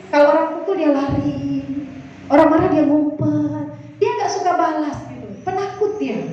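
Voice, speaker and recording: A middle-aged woman pastor tells stories from the pulpit in a chatty, lively sermon, slipping into the voices of the people she quotes. Her voice sits very high, and it reaches the mic from far off. The sound is dull and soaked in the long echo of a large hall. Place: church hall.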